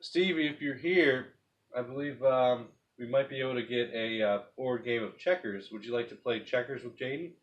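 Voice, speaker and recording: A man leading a paranormal session, speaking casually and haltingly as he puts questions to a spirit. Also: mid-range voice, highs cut off.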